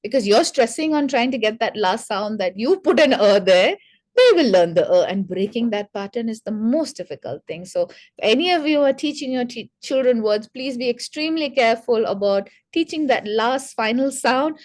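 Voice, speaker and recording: Her voice is on the high side and a little mellow, with lively intonation at a moderate pace. Talking to parents as a speech therapist, she explains things in a chatty way with asides, addresses them directly, and demonstrates speech sounds aloud.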